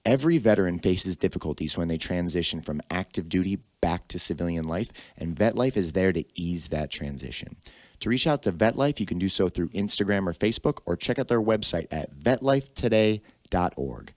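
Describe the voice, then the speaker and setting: A male podcast host, enthusiastic and upbeat as he introduces his guest. His voice sits very deep. The sound is dry, with no room around it. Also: expressive, a little fast, no echo. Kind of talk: podcast hosting.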